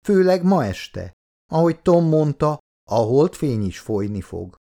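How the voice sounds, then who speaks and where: A flirtatious, friendly woman teases her way through an audiobook scene, voiced by a male narrator. The voice is lifted well above a man's usual pitch and carries with a bright, playful lilt. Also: very animated, creaky. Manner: playful, teasing. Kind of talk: audiobook dialogue.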